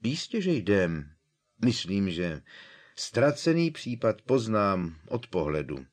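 A man doing a calm, wry old headmaster wizard, kindly and unhurried in his dry humor. The deep, low voice stays composed, a storybook sage who is never rattled.

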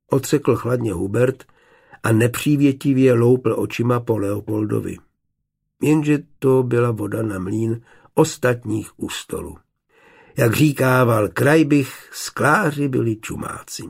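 Gravelly, husky male narrator. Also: medium pitch. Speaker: audiobook narrator. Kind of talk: scripted narration.

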